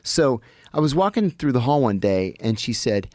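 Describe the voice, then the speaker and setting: A middle-aged man telling stories as a podcast guest, animated and vivid, often restarting his sentences. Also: medium pitch, moderate pace, no echo, studio quality. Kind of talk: anecdotal storytelling in conversation. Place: podcast studio.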